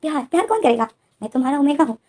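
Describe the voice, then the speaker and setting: A woman's voice: high-pitched, big pitch swings, rapid-fire, a little mellow, a little hiss or hum, voice pushed up. A woman voicing a distraught young man who pleads and complains in an upset, rising voice. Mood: tearful, angry.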